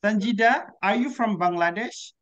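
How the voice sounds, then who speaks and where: A man's voice: high voice, moderate pace, fairly bright tone. A man leading an online English speaking class, with short, encouraging prompts to his students. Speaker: English teacher. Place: indoor room with virtual background. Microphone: video call. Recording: muffled video call audio.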